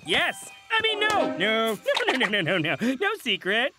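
A man's voice: very high-pitched, wildly swooping pitch, moderate pace, full character voice. An actor playing a friendly, dim-witted jungle strongman in a cartoon, talking enthusiastically in simple broken grammar. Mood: flustered. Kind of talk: exaggerated cartoon voice acting. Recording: loud music underneath.

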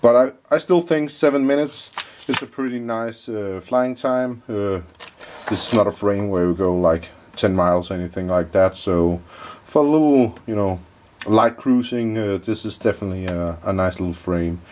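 Man, lower voice, casual hobbyist reviewer, relaxed with plenty of fillers. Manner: relaxed, many fillers and pauses. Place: indoor workbench.

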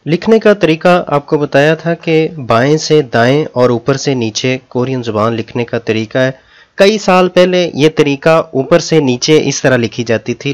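A man whose first language is Urdu teaches a Korean lesson in a mid-range voice. He explains things patiently and leads slow, drawn-out pronunciation drills.

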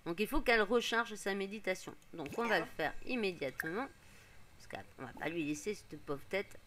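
A hoarse woman streaming a life-sim game, explaining each step casually with lots of fillers. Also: mid-range voice, normal speed, fairly bright tone, slight background noise. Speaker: gaming streamer. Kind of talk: casual gameplay commentary.

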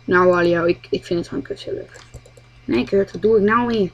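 A woman muttering commentary while playing a game, swearing a lot and often speaking quietly. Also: mid-range voice, normal speed, dull audio. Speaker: gamer. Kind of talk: gameplay commentary.

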